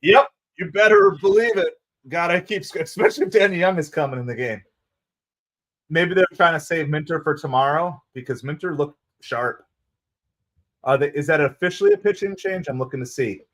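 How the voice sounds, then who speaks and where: A man with a New Jersey accent calls a ballgame live for his fan stream from a home green-screen setup. His voice sits a little high, and he jumps between play-by-play and thanking viewers by name. His delivery is casual and excitable. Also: normal speed. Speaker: livestream host.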